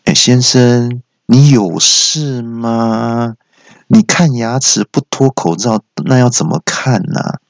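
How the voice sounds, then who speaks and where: A man voicing an exasperated woman dental assistant in a comic story, sharp and incredulous. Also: on the low side, normal speed, no echo, clean studio sound, lightly acted.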